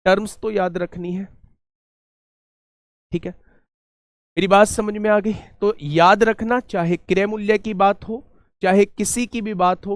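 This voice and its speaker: High-voiced man teaching a maths lesson. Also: fairly bright tone, no echo. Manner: explains step by step, asks the class rhetorical questions. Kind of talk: online exam-prep maths lesson.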